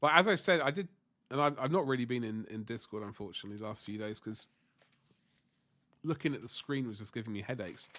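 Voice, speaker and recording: A man talks fast in a mid-range, slightly bright voice. He's a livestream host painting miniatures while suffering a stuffy nose and sore throat from flu, casually responding to viewers' comments. He rambles, keeps correcting himself, and swears a bit.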